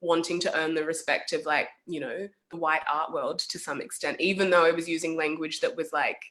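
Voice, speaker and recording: A young adult woman from South Sudan, an artist, speaking thoughtfully in a casual talk with many pauses and fillers over a video call. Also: sits low, steady tone, a bit bright.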